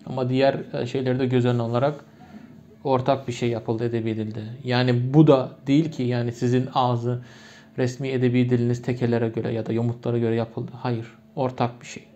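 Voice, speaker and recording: Speaking a little fast, this man has a dark, mid-range voice with little pitch movement. He's a native Turkmen speaker from Turkmenistan with a Turkmen accent, teaching a lesson in which he patiently explains grammar with many repeated examples. It's a muffled, lo-fi recording.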